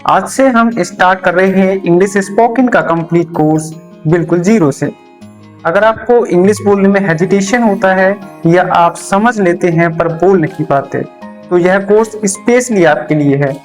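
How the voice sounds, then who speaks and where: A teacher with a medium-pitched voice and moderate pace teaches beginner English, explaining in Hindi with faint music behind. Key terms get repeated, the teacher answers their own questions, and examples go up on a board.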